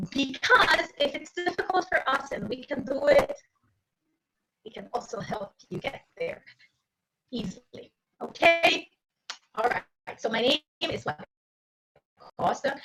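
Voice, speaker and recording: In slightly dull live-stream audio, a woman from Brazil, Portuguese being her first language and English not native to her, runs an exam lesson and chats with the people watching. She has a high, fairly bright voice.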